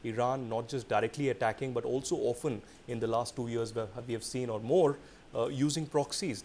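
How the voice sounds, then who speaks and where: A man's voice: mid-range voice, darkish tone, slight background noise. A man hosting a formal news interview, putting long, pointed questions with an emphatic build-up. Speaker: news interviewer, show host.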